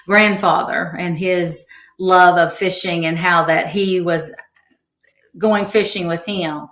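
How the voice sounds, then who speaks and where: Woman, low voice, chatty podcast guest, echoey room. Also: fairly even intonation, slow, fairly bright tone. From rural Kentucky. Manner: chatty, laughs often, lots of fillers. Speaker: guest, angler's wife. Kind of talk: casual podcast chat. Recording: roomy echo.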